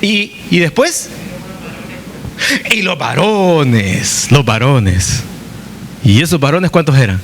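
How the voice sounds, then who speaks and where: Man, pastor, Bible study sermon, swooping expressive pitch, rhetorical questions, acts out voices. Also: slow, long pauses. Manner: animated, asks the congregation questions and answers them himself; jokes and acts out quoted voices.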